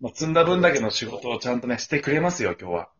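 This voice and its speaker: Very animated, teasing male co-host. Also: medium pitch, racing, slightly rough. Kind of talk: bantering radio chat. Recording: dull audio with chattering crowd sound.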